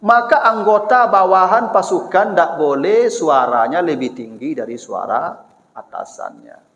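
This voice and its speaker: A man preaching with a Minangkabau accent, his high voice swooping up and down as he teases his listeners. His sermon rings through a large echoing hall with a long reverb tail. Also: unhurried, highs cut off. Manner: lively and teasing, acts out everyday exchanges. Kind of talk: lecture-style sermon.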